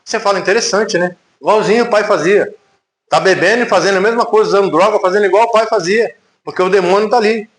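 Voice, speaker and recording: Brazilian male pastor, emphatic and conversational sermon, raised pitch, roomy church sound. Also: fast talker. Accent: Brazilian Portuguese. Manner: conversational, emphatic preaching with rhetorical questions. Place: church sanctuary. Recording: echoey church hall.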